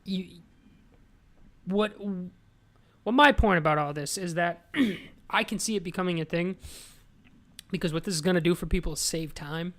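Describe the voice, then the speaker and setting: A man's voice: high voice, moderate pace, long pauses, a bit bright. A young man co-hosting a casual podcast chat, rambling and earnest, often restarting his thoughts. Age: young adult. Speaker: podcast co-host.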